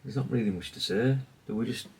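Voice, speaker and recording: This hobbyist presenter has a slightly rough mid-range voice and talks fast. The mic is distant as he gives a rambling, casual show-and-tell off the cuff, staying understated and self-effacing.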